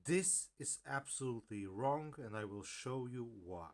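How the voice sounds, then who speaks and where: A man presenting an informal technical explainer in a hesitant, halting way, often correcting himself. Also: medium pitch, expressive. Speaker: video presenter.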